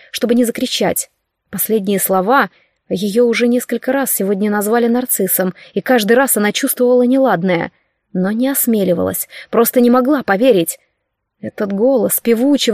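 A woman narrating an audiobook in a measured, expressive way. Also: fairly high pitch, no room sound.

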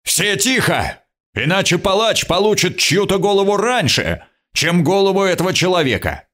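A man's voice: medium pitch, expressive, unhurried, fairly bright tone. A man voicing a greedy, short-tempered king who barks his commands, in an audiobook. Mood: commanding. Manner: barking commands, raised voice. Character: imperious male king, greedy and quick to anger. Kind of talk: audiobook character voice.

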